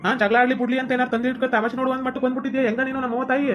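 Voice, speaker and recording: A woman's voice: high-pitched, level tone, very fast, voice pushed down, natural voice. A woman voicing a quarrelsome young husband who complains in a North Karnataka Kannada accent. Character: young husband Shankar, hotheaded son.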